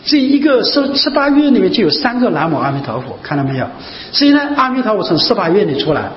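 A man's voice: sits high, big pitch swings, fast. A man giving a Buddhist dharma talk, asking his listeners rhetorical questions and repeating key phrases again and again. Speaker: Buddhist teacher. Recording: muffled, echoey hall recording with faint hiss.

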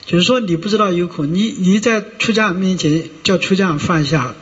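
In a long, reverberant hall, a high-voiced monk preaches a wandering Buddhist sermon, stretching out "ah" fillers and repeatedly asking "you know?" to check whether his listeners follow. The recording sounds dull and lo-fi.

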